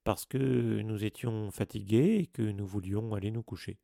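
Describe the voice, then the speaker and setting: Un homme qui joue un jeune garçon sorcier inquiet, qui bafouille pour se défendre. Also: male voice, fairly low pitch, normal speed, gravelly, warm tone, dry recording, studio quality. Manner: defensive, stammering. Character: anxious young boy wizard.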